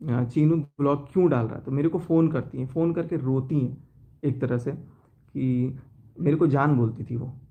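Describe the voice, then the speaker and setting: A man's voice: mid-range voice, fairly even intonation, normal speed, husky, phone-quality sound. A man on a phone live stream, reading out chat messages and telling his side with a sense of grievance. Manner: aggrieved, reads out chat messages. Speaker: YouTuber showing chats on a live stream.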